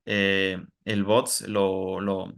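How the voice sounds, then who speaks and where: A man's voice: low voice, little pitch movement, extremely slow, creaky, a bit bright. A man from giving an informal technical webinar talk, explaining through everyday analogies and often checking in with "¿no?". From Spain, south of Madrid. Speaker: webinar presenter.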